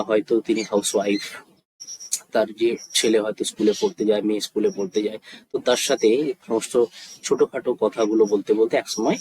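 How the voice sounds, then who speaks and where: Slow, deliberate Bengali-accented male English teacher. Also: mid-range voice, husky, poor audio. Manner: speaks English example sentences very slowly and deliberately. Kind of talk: spoken English lesson in Bengali with slow English model sentences.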